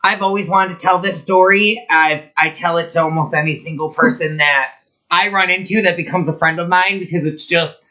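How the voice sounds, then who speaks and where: A man's voice: high-pitched, steady tone, brisk, pushed and bright. A young man co-hosting a podcast, chatting casually and telling a story with lots of fillers. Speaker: podcast co-host. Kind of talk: casual chat.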